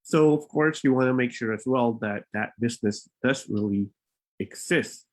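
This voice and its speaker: A man's voice: medium pitch, moderate pace. A man hosting a live webinar, talking informally, with many fillers and restarts. He is a bit out of breath and speaks into a laptop mic. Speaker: immigration consultant and webinar host.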